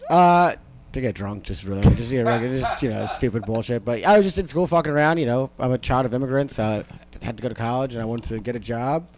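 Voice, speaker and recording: A young stand-up comedian whose first language was Amharic rambles through a casual podcast interview, swearing freely and using lots of fillers. His medium-pitched voice comes fast, and the recording is very noisy.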